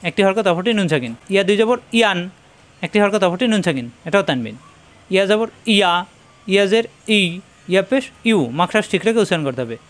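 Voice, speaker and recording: A man's voice: high-pitched, animated, quick pace. Patient man drilling letter sounds. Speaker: Quran reading teacher. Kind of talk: spelling-out recitation lesson.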